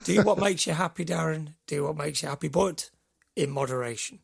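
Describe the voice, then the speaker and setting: A man's voice: fairly high pitch, brisk, creaky, husky. A middle-aged man co-hosting a podcast, telling rambling stories in casual chat. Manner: chatty, rambling storyteller. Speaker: podcast co-host.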